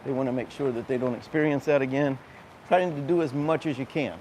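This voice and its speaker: A man's voice: medium pitch, a little fast, a little mellow. A man giving a conversational, explanatory live walking-tour commentary as host, recorded outdoors on town streets. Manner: conversational, explanatory, pointing things out. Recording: noisy outdoor street recording with urban ambience.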